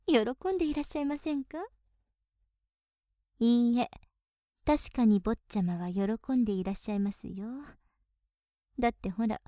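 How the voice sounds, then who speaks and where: A young woman voicing a polite, playful maid who teases her young master, with soft giggles and whispered passages, recorded on a close microphone. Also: fairly high pitch, dry recording, lightly acted. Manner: polite, softly teasing, with breathy giggles. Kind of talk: whispered role-play.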